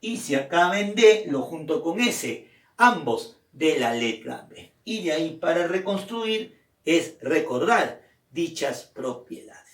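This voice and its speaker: Slow, deliberate chemistry teacher. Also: male voice, a little high, sing-song, fairly bright tone, echoey room, far from the mic. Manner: explains step by step, asks and answers his own questions. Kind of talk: recorded chemistry lesson.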